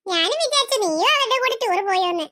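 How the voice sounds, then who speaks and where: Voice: extremely high pitch, expressive, quick pace, sharp tone, no echo, clean studio sound, heavily acted. A performer voicing a kind but firm woman who runs the household, in a cartoon. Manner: firm, motherly. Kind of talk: cartoon voice acting.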